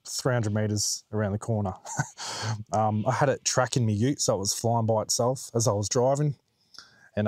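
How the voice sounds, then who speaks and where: A relaxed, chatty Australian man in middle age, talking to his camera outdoors by a quiet road. His voice sits low and is recorded dry and close, with easy laughs and the odd casual swear word. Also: no room sound. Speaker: vlogger. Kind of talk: casual outdoor vlog chat.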